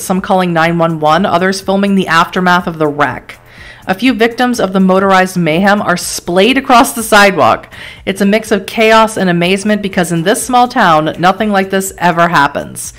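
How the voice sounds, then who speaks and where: A woman streamer reading an interactive horror story aloud, with quick surprised asides and laughs as she weighs each choice. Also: fairly low pitch, fairly bright tone.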